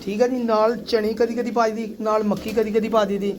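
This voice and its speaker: A man's voice: sits high, flat delivery, brisk, a little mellow, a little hiss or hum. A man talks casually to viewers while showing his pigeons, chatty and boastful, calling them brother and sir. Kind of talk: casual vlog talk to viewers. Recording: faint pigeon coos and outdoor ambience. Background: pigeons cooing.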